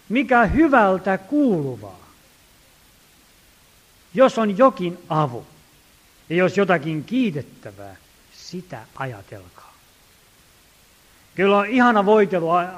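A male preacher with a somewhat high voice delivers a sermon. He lingers over scripture lines with slow emphasis, swells louder on exhortations, and slips into homely stories told in a chatty way. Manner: folksy storytelling asides.

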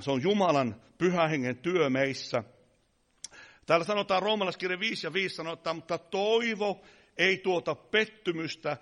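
A male preacher with a high, bright, ringing voice delivers a fervent Pentecostal sermon. He swings from shouted declarations down to quiet, confiding asides. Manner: impassioned, often shouting, then dropping to quiet asides.

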